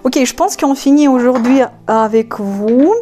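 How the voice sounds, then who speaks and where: Russian-accented woman, language teacher; slow, patient, mellow voice. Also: high voice. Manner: patient, spells out letters slowly. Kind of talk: online language lesson.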